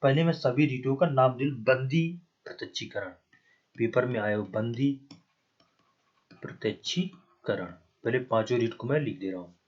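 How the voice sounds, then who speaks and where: A man's voice: medium pitch, normal speed, darkish tone. A man with a Hindi accent teaching an exam-prep lesson, writing on a board as he talks, spelling terms out letter by letter and often checking with "ठीक है ना". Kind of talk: classroom lecture, writing on a board. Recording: dull, lo-fi recording.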